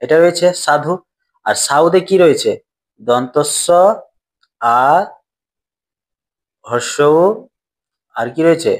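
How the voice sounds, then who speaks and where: A man's voice: on the high side, slow pace, long pauses. A man teaching a grammar lesson, often asking his students questions and then answering them himself.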